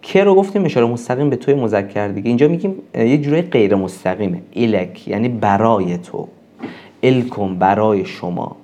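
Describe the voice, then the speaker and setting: Teacher, male, low voice, patient explainer who repeats examples. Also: animated, warm tone. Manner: explains slowly, drawing out example words; repeats example phrases twice. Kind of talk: recorded language lesson.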